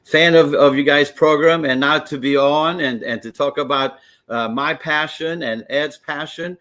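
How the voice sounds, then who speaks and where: A man's voice: fairly high pitch, steady tone, a little slow, fairly bright tone. An older man from Greece, a wrestling commissioner, talking eagerly as a guest on a sports talk show and telling stories with many restarts. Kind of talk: casual radio interview.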